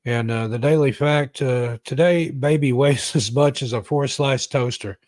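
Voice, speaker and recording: Rambling live-stream host, dry sound. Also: male voice, medium pitch, unhurried, darkish tone, no room sound. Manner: rambling, frequent fillers and throat-clearing. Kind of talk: casual live-stream chat.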